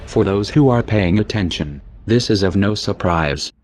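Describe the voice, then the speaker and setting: A man narrating a scripted protest message in a grave, measured way, his voice disguised by a deep voice changer. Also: animated, darkish tone, faint music behind.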